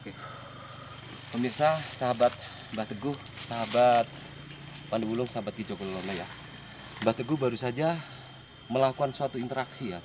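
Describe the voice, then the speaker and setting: A man narrating a night ghost-hunting vlog to viewers outdoors, speaking in a halting, repetitive, uneasy way. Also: mid-range voice. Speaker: paranormal exploration vlog host. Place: outdoors at night, rural site. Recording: noisy outdoor location recording.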